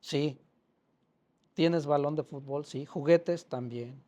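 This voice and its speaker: Older man, slightly high voice, author sharing heartfelt stories with a live audience. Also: slow, dark tone. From Mexico. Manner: emotional, plainspoken storytelling with quoted dialogue. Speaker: author presenting his book. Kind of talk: personal storytelling to an audience. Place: public library hall.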